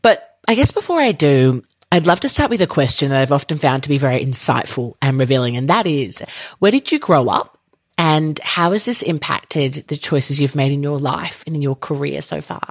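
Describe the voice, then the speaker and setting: A woman's voice: low voice, animated, moderate pace, dry recording, clean studio sound. A young woman hosting a podcast interview, upbeat and effusive, chatting casually with plenty of fillers. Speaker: podcast host.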